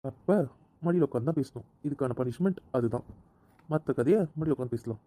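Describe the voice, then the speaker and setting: A man's voice: mid-range voice, a little fast, warm tone, close to an everyday voice. A man playing a bossy teasing husband. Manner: commanding, teasing. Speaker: voice actor in audio drama. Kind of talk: amateur audio drama acting.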